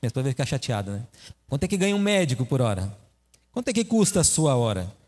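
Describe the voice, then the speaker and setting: Speaking fast with big swings in pitch, a man with a mid-range, darkish voice delivers a church sermon. He chats with the congregation, tells a story and asks them questions, and the recording carries an echoey hall reverb.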